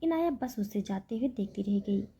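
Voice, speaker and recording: A woman narrating a romantic drama story in a soft, even storytelling manner and addressing her listeners. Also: medium pitch, normal speed, husky.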